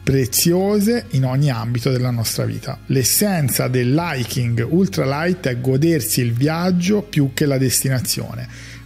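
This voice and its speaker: A man in his forties, a psychologist, giving a measured, reflective talk to camera on a studio mic in a small bright room. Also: medium pitch, vocal fry, slightly rough. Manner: measured, reflective, gestures while talking. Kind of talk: calm explanatory monologue to camera. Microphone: large studio mic on a stand in front of him.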